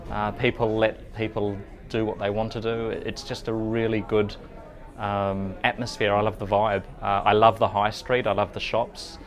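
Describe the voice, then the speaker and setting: A man with a slightly low voice speaks upbeat and lists what he loves about the area. Faint music sits in the background. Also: flat delivery, moderate pace. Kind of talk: vox pop interview.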